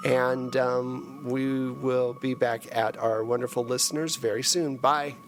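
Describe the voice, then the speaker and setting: A man serves as game master and host for a tabletop role-playing session, narrating in casual, improvised talk. His voice is medium-pitched, level and measured, with background noise clearly audible.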